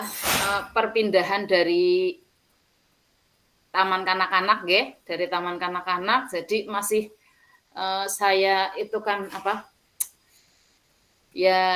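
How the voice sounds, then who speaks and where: A woman teacher, speaking slowly and hesitantly in a group discussion, with fillers and soft laughs. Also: medium pitch, low-quality recording.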